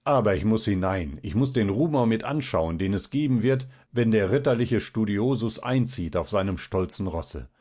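A man voicing a boisterous young male student who talks loudly and teases. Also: lowish voice, expressive, moderate pace, few pauses. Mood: mocking. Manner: loud, laughing, teasing.

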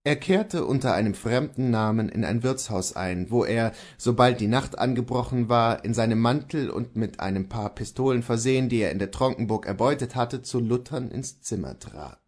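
A man narrating a classic literary story as an audiobook, in a measured, steady manner. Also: mid-range voice. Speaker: audiobook reader.

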